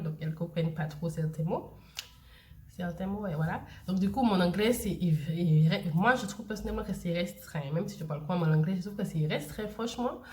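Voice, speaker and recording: A young woman, chatting casually to camera and repeating herself with many fillers. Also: on the low side. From Saint Lucia. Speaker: vlogger.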